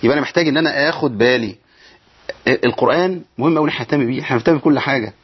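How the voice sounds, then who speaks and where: Husky Egyptian man teaching Quran reading. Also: mid-range voice. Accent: Egyptian Arabic. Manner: explains step by step, asks questions and answers them himself; recites verses slowly. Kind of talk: online lesson on Quran reading variants. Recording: dull lo-fi sound.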